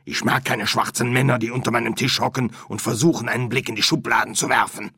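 A man's voice: medium pitch, steady tone, fast, vocal fry, sharp tone, slightly rough, no echo, studio quality, voice pushed up, heavily acted. A man voicing a stern, bossy older female medium who gives curt orders. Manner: curt, commanding.

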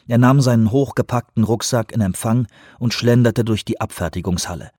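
A man calmly reading a novel aloud in scripted narration, measured and even. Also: on the low side, no room sound, studio quality. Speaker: audiobook narrator.

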